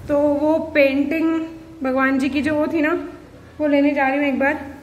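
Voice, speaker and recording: Young woman, vlogger, high bright voice, chatty, playful, at home. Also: little pitch movement, measured pace, dull audio, slight background noise. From Jaipur, India. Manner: chatty, playful, laughs and teases. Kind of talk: casual chatty vlog. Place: at home, indoors.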